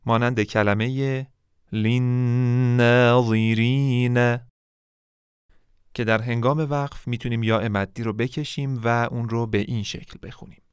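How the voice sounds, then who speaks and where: Male lesson narrator, smooth and close, dead-dry sound, measured delivery that drags out example words. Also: medium pitch, fairly even intonation, dry recording. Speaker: Quran recitation teacher. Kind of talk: scripted instructional narration.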